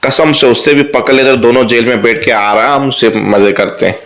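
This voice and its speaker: A man's voice: medium pitch, fairly even intonation, moderate pace, a bit bright. A man casually retelling a TV serial episode, briefly voicing the characters' lines and adding light asides to viewers. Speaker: TV serial recap host.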